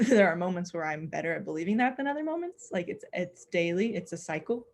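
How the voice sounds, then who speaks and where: A young woman in her twenties from Wyoming talks as a podcast guest. Her voice sits a little low, and she speaks in a soft, reflective way, often reaching for words mid-sentence. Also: animated, a little fast. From Wyoming, USA. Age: 20s. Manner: reflective, soft-spoken, frequent "like" and "um". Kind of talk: casual conversation.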